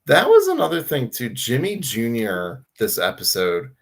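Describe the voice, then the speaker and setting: A man's voice: medium pitch, huge pitch swings, normal speed, creaky. A man co-hosting a casual fan podcast, chatty and full of filler words. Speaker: podcast co-host.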